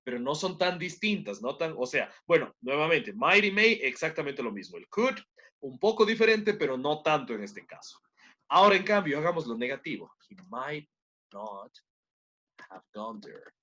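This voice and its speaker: A man's voice: a little high, sing-song, normal speed, pushed and bright. A man teaching an online class, explaining a point step by step and often checking in with his students by asking questions. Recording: dull lo-fi online class audio.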